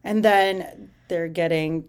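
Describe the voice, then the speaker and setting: A woman co-hosting a casual podcast, reading scripture aloud with sarcastic, swearing, deadpan asides. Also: lowish voice, takes it slowly, clear, resonant tone. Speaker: podcast co-host.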